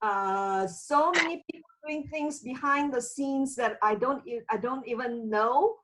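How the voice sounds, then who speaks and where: A community member from Malaysia greets a group on a casual video call, her voice high and a little slow against a noisy background. Her talk is chatty and full of hesitant fillers, broken up by occasional laughter.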